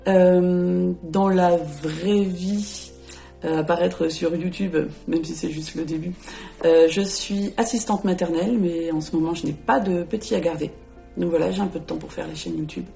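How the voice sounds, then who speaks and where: Gravelly-voiced woman in her late thirties, hesitant. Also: on the low side, steady tone, normal speed, mellow, faint music behind. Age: 30s. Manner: hesitant, lots of fillers and self-corrections. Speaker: YouTuber presenting her channel. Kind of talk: casual vlog talk to camera.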